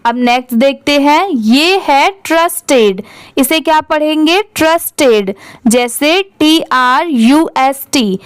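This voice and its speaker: A woman's voice: high voice, slow pace, no echo, clean studio sound. A woman teaching English reading, spelling words out letter by letter and then asking how each one is read. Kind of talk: slow spelling-out lesson.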